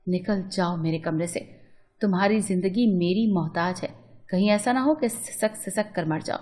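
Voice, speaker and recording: A woman's voice: fairly low pitch, moderate pace, darkish tone, pitched below the performer's own voice, natural voice. A woman voicing a stern, secretive middle-aged mother who scolds her daughter curtly in a storybook reading. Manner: curt, scolding.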